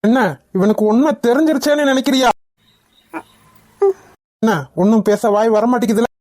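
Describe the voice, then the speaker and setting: A woman's voice: on the high side, moderate pace, dark tone, close to an everyday voice. A woman voicing a hot-tempered young husband in a cartoon, harshly interrogating his wife. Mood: furious. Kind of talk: Tamil cartoon voice acting.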